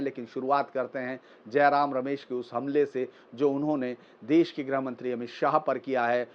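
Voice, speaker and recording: A man delivering political news commentary in a measured, explanatory way, with frequent pauses and fillers. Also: mid-range voice. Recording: slightly dull lo-fi recording.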